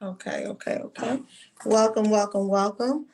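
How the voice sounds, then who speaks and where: A woman's voice: medium pitch, moderate pace, a little mellow, slight background noise, low-quality recording. A woman hair school instructor leading an online orientation over a video call, calling on students by name in a friendly, directive way.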